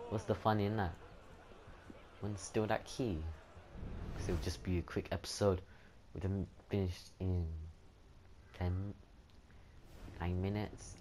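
A man giving casual, rambling gameplay commentary with excitable bursts and some swearing. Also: low-pitched, background noise. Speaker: gaming YouTuber.

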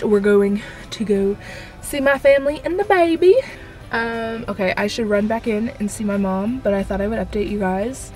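A young Canadian woman vlogs with a stuffy nose from a cold, chatting casually and rambling to a handheld camera held at arm's length, speaking quietly at night. Her daily vlog moves through her bedroom, car and living room at home, and her mid-range voice comes through in poor audio.

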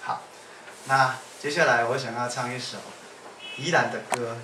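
A man from Yilan, Taiwan, with a Taiwanese accent, talking to an audience between songs in warm, repetitive, build-up phrases with small laughs. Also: mid-range voice, steady tone, moderate pace. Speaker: singer and speaker. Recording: echoey room, far from mic, faint noise.

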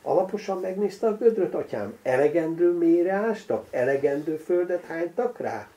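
A man doing a mocking, sharp-tongued noblewoman. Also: mid-range voice, animated, close to an everyday voice. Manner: mocking, brisk, teasing. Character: sharp-tongued noblewoman teasing a shy priest.

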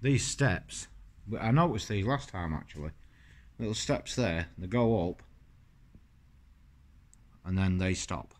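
A man's voice: sits low, lively intonation, takes it slowly, long pauses. A man, chatting casually as he films a walking tour through an old stone church on a handheld phone. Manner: chatty, rambling, admiring. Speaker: vlogger.

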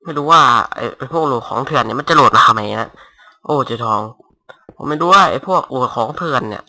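A young man casually commentating his Minecraft game at home on a headset mic, talking softly and rambling. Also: medium pitch, lively intonation, fast talker. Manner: rambling, talks softly to avoid disturbing neighbors. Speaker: gaming YouTuber. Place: home room. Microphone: cheap gaming headset mic.

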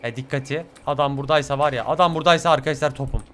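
With a medium-pitched voice and a racing delivery, a young man narrates his horror-game let's play as a gaming YouTuber, cursing a lot and screaming at every scare.

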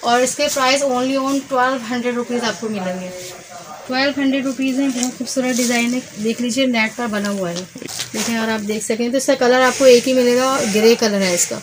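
A slightly high, slightly fast woman's voice with a Pakistani accent presents wholesale stock informally in an indoor shop stacked with fabric. She repeats herself and mixes English words into her sales talk, filmed on a handheld phone with noticeable background noise.

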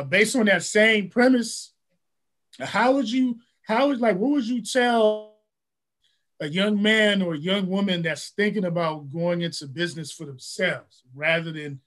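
Higher-voiced man hosting a podcast. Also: a bit bright. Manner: lots of "you know" and repeated words. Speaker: podcast host. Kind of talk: interview questions.

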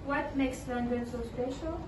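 A woman's voice: high voice, fairly even intonation, normal speed. A French teenage girl playing a street interviewer in a school role-play, chatty, with lots of fillers. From France. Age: teens. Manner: chatty, many fillers, laughing. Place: school hallway by glass doors. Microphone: handheld mic, filmed from a few meters. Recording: echoey hall, distant, noisy.

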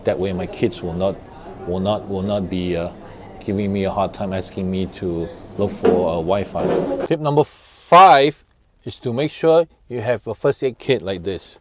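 A man in his thirties giving family road-trip tips in a casual, halting way, with many fillers and restarts, recorded on a lapel mic. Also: low voice, a crowd in the background. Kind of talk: casual how-to talk. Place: office room, then parked car.

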